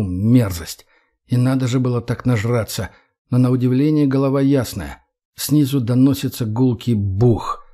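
A man narrating a first-person audiobook in short, clipped, measured phrases. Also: medium pitch, dark tone.

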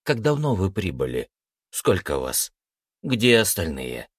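A man voicing a stern, commanding woman who asks short, controlled questions in a low voice. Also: very animated, a little slow, no room sound, clean studio sound, heavily acted. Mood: demanding.

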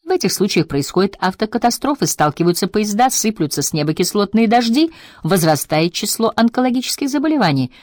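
A woman narrating an audiobook in a measured, even storytelling manner. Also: medium pitch, dry recording, clean studio sound. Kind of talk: scripted narration.

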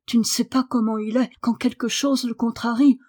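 A woman's voice: a little high, steady tone, moderate pace, darkish tone, breathy edge. A woman voicing a fretful young housemaid, worried and pleading. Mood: alarmed.

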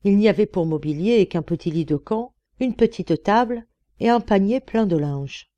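A woman reading an audiobook in steady, measured narration. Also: medium pitch, no room sound, dull audio. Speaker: audiobook reader. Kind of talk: scripted narration.

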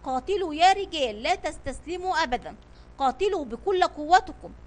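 A woman's voice: sits high, lively intonation, brisk. A woman voicing a brave male sailor captain, leading his men with commanding calls. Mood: rallying.

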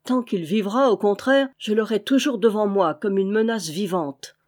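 A woman's voice: mid-range voice, moderate pace, a little mellow, close to an everyday voice. A woman voicing a scheming male manor lord who bargains and pleads with his servants in a heated, desperate way.

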